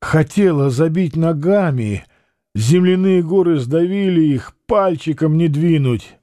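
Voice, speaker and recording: A man narrating an audiobook of a historical novel in a grave, measured manner. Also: on the high side, lively intonation, warm tone, no room sound, clean studio sound.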